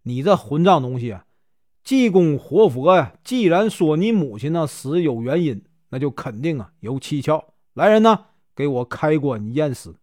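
A man's voice: a little high, sing-song, normal speed, a little mellow, dry recording, clean studio sound. A man with a Northeastern Mandarin accent voicing a stern middle-aged prefect who gives commands.

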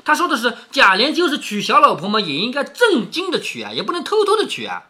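A man's voice: extremely high pitch, wildly swooping pitch, quick pace, sharp tone. A man reading a classic novel aloud and commenting on it in a conversational way, often tossing in rhetorical tag questions.

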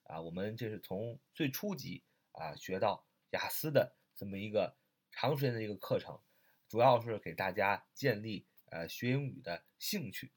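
A man's voice: lowish voice, expressive, normal speed. A man teaching English vocabulary in a recorded lesson with a Mandarin Chinese accent, patiently repeating words and spelling them out letter by letter.

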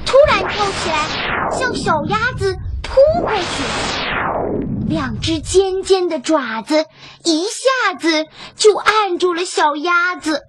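High-voiced woman telling a children's story. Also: slight background noise. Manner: slow, expressive, sing-song.

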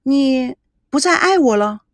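A woman voicing a young woman who is hurt and hysterical, talking loudly and accusingly. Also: high voice, animated, unhurried, no echo, studio quality. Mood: upset, accusing. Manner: loud, tearful, accusing.

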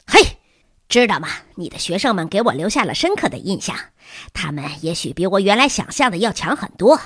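A bossy drill mistress barks short, commanding lines, read by a woman in a storybook. Her voice swings widely in pitch and has a husky edge. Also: very animated, brisk, fairly bright tone, dry recording, studio quality. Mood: brusque. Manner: brusque, commanding.

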